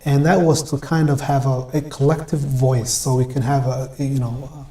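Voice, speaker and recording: A man from Ethiopia, a guest in an interview, answering in a measured way with many pauses and fillers. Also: mid-range voice, flat delivery, mellow. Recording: roomy echo.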